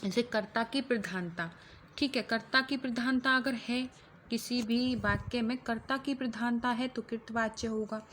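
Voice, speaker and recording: A woman's voice: a little high, normal speed, fairly bright tone, a little hiss or hum. A woman teaching a grammar lesson to exam students, explaining step by step and repeating key phrases to check along.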